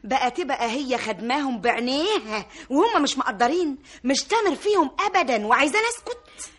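A woman's voice: sits high, lively intonation, brisk, slightly rough. A gossipy meddling mother. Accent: Egyptian Arabic. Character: gossipy middle-aged mother, Magda's mother. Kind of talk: 1960s Egyptian radio drama acting.

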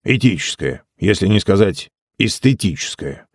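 A man voicing a brash young man who speaks loudly and with exasperation. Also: low-pitched, animated, moderate pace, no room sound, studio quality, pitched above the performer's own voice. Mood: coaxing. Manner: loud and exasperated.

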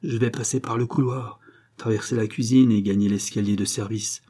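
A man reading the part of a discreet young noblewoman in an audiobook, quiet and careful. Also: lowish voice, fairly even intonation, moderate pace, slightly rough.

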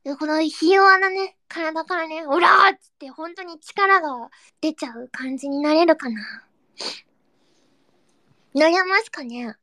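A young woman hosting a casual live audio chat, reading listener comments in a cutesy, excitable way and breaking into squeals and giggles. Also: high voice, measured pace, no room sound, clean studio sound. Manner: cutesy, baby-talk endings.

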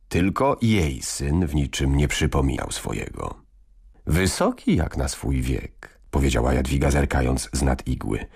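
Very deep, husky male narrator. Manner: calm, measured storytelling. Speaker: audiobook reader. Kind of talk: scripted narration of a historical novel.

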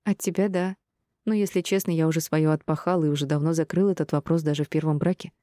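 A woman voicing a calm, decisive middle-aged mother who speaks in a level, stern tone. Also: low voice, fast talker, no echo, clean studio sound, natural voice. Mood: tender.

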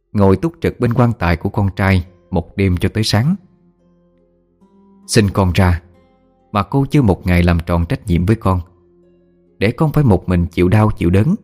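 A man narrating a story in a steady, somber way. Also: sits low. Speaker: audiobook narrator.

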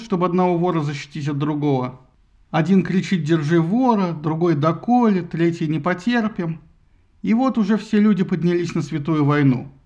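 A man narrating a satirical retelling of Greek myths in a lively, ironic storytelling manner. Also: high-pitched, highs cut off. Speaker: audiobook narrator.

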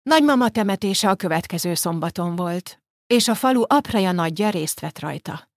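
A woman with a lowish voice narrates an audiobook from a script, telling the story in a calm, measured way. The recording is dry and of studio quality.

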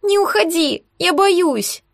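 A woman's voice: very high voice, lively intonation, measured pace, a bit bright, no room sound, studio quality, voice pushed up, full character voice. A woman voicing a small frightened girl who cries out in a thin, pleading voice.

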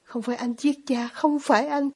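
Woman reading as soft-spoken devout young man in an audiobook, hushed, breathy, a bit high. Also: expressive. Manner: hushed, quiet and deliberate.

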